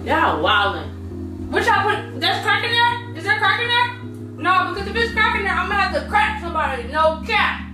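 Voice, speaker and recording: A woman's voice: very high-pitched, very animated, moderate pace. A young woman in her twenties chatting playfully and slangily while she cooks in her home kitchen, recorded by a camera across the counter. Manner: chatty, playful, slangy, sing-song asides. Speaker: cooking vlogger. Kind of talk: casual cooking vlog chat. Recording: roomy kitchen audio from a distance, music behind. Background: loud background music.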